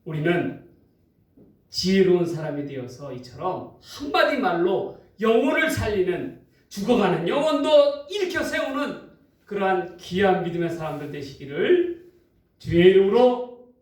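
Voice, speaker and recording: Pastor, male, emphatic sermon storyteller, high voice, heard from a distance. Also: very animated, unhurried, darkish tone. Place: church sanctuary. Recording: echoey hall, distant mic.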